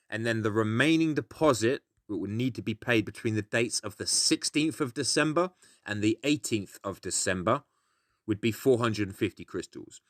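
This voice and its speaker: A man's voice: medium pitch, fairly bright tone, dry recording, studio quality. A British man explaining a game in a casual, grumpy, grumbling way, blunt and sweary as he gives his opinions. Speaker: gaming video host.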